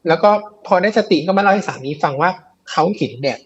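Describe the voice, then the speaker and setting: Husky guy rambling through a ghost story, lots of fillers, dull lo-fi stream audio. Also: sits high, fast talker. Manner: chatty, loose, with many fillers and repeats. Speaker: guest storyteller of ghost stories. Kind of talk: casual live storytelling.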